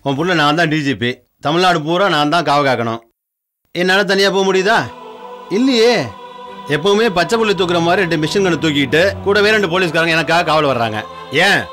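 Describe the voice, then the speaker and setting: An actor playing a middle-aged police chief who patiently coaxes and gently teases his mother. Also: fairly high pitch, fairly quick, faint music behind. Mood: coaxing. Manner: patient, coaxing, gently teasing. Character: calm, teasing senior police chief.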